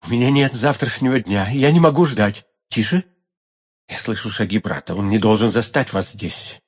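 A man voicing a vengeful, seductive noblewoman in an audiobook reading, speaking softly and insinuatingly. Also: on the low side, moderate pace, husky. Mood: hushed urgent.

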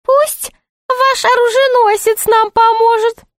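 Sly, sweet-voiced male jester, played by a woman, squeaky and drawn-out, for a dry close storybook read. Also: steady tone, no room sound. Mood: wheedling.

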